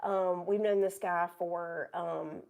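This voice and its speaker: A woman's voice: fairly low pitch, fairly even intonation, slow, creaky, darkish tone. Casting: chatty woman, thirties, playful and bubbly, a bit run-down from illness. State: recovering from illness. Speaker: co-host of a live stream. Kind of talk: casual live-stream chat.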